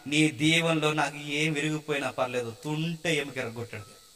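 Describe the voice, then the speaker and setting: A man preaching a sermon dramatically, swinging between loud urging and hushed, emotional retellings. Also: fairly high pitch, steady tone, normal speed. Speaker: pastor.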